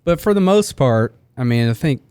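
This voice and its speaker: A man's voice: mid-range voice, animated, moderate pace, a little mellow, clear, resonant tone, no room sound. Casual podcast host, man in his forties, easygoing and reflective, dry close sound. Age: 40s. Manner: easygoing, reflective, laughs often. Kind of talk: casual chat.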